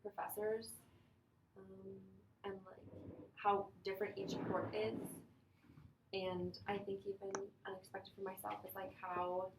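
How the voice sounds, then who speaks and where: A young woman from Chicago chats casually as a student guest on a podcast, sprinkling her talk with "like." Her voice sits in the middle of the range. The room echoes, with a faint hiss behind. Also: mid-range voice. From Chicago, USA. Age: young adult. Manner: chatty, many "like"s. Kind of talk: casual chat.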